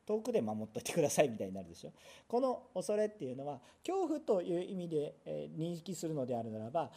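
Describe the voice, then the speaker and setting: Pastor preaching, lively swooping pitch, emphatic, loud bursts, rhetorical questions. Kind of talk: sermon.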